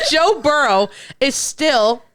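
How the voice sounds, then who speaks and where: A young woman co-hosting a sports podcast, chatting casually and excitably about football. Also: mid-range voice, normal speed, clear, resonant tone. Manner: chatty, excitable, restarts when flustered. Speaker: podcast co-host.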